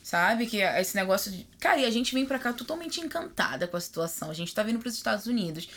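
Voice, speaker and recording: A woman with a Brazilian Portuguese accent hosting a casual podcast chat, slangy and expressive, with casual swearing. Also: mid-range voice, fast talker. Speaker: podcast host.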